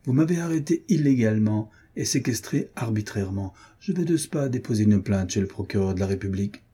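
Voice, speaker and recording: A man's voice: lowish voice, lively intonation, a little fast, mellow, breathy edge. A man voicing a cocky male reservist who taunts an officer. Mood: mocking. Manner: insolent and taunting.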